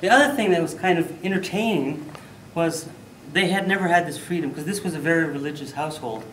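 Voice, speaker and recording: Male contest speaker telling a funny story, lively delivery, recorded far off in a roomy hall. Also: a little high, fairly quick, a little hiss or hum. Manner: animated, loud bursts for sound effects. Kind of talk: humorous storytelling speech. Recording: echoey hall, mic from far off.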